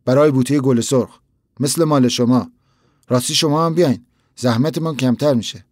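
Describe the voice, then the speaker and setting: A man's voice: medium pitch, darkish tone, no room sound, studio quality, close to an everyday voice. Man voicing a proud confident boy. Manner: proud, encouraging.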